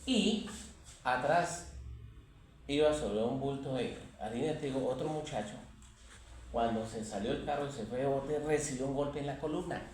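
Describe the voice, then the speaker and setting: A Colombian man teaching an anatomy class, quizzing his students and telling lively anecdotes. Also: mid-range voice, normal speed, far from the mic, slight background noise. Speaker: anatomy lecturer. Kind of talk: classroom lecture. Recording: echoey classroom recorded from afar.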